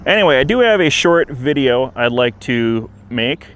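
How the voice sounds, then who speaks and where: A man speaking in an earnest, measured, plain-spoken way, giving an informal update to camera as a museum director outdoors. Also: medium pitch, sing-song, a bit bright. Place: outdoors beside a trail, with traffic and wind. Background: traffic and wind.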